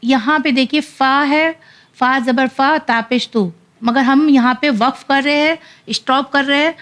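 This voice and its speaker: Woman, Quran reading teacher, high voice, unhurried sounding-out drills alternating with quick explanations. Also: a bit bright. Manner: spells letters and vowels out slowly, then explains rapidly. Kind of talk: slow syllable-by-syllable spelling drills between fast explanations.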